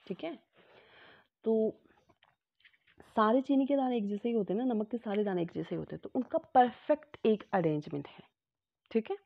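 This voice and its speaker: A woman's voice: mid-range voice, creaky. A woman teaching a chemistry lesson, explaining step by step with homely examples, mixing in English terms and often checking that students follow. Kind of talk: classroom lecture. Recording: tinny phone-like audio.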